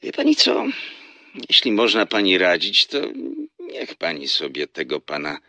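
A man's voice: deep voice, wildly swooping pitch, a little slow, bright, forceful tone, no room sound, heavily acted. An actor playing a flirtatious, teasing salesman in a radio drama who laughs often as he talks on the phone. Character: flirtatious smooth-talking male salesman on phone.

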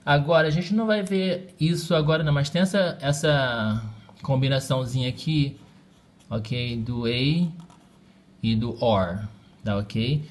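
A man's voice: mid-range voice, a little slow. A man teaching English in a recorded lesson, speaking patiently and checking in often with his students. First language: Portuguese.

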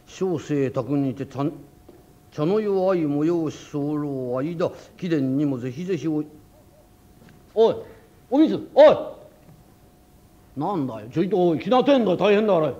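A rakugo storyteller voicing a proud, hot-tempered tofu shop owner who talks loud and rough in an old Edo manner. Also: male voice, sits high, big pitch swings, rapid-fire, hardly any pauses, heavily acted. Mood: blustering. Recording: dull lo-fi old recording.

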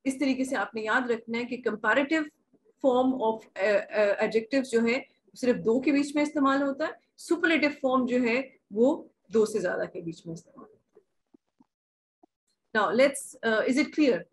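A woman's voice: fairly high pitch, low-quality recording. Patient woman teaching grammar. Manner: patient, repeats examples slowly, asks checking questions. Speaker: English teacher. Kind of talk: online class, bilingual explanation.

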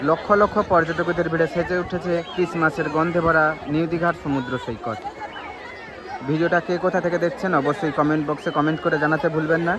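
A man's voice: a little high, steady tone, fast. A man giving live vlog commentary outdoors, announcing and repeating phrases for emphasis. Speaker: vlogger reporting live from a beach. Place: outdoors on a crowded seaside beach. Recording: outdoor recording with busy crowd noise.

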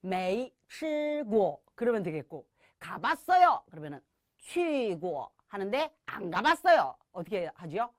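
A middle-aged woman teaching a language lesson, leading students in repeated drills with call-and-response cues and slowly modeled phrases. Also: mid-range voice, very animated, no echo, clean studio sound.

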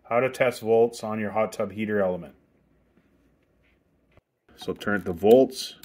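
Speaking a little slowly in a low, darkish voice, a man explains how to test a hot tub heater. He gives plain, practical, step-by-step instructions in a casual way, working with his hands outdoors beside the equipment bay.

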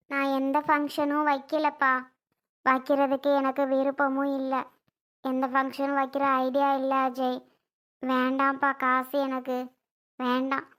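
A woman voicing a grieving mother who speaks slowly and quietly in a family drama skit. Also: sits high. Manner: slow, subdued and tearful. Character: grieving widowed mother, soft and weary.

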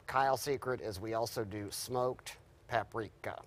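A middle-aged man, a guest chef, walking through a recipe in a relaxed, explanatory way on a TV studio kitchen set, picked up by a lapel mic. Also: lowish voice, measured pace. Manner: relaxed, explanatory, with small restarts. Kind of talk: cooking demonstration.

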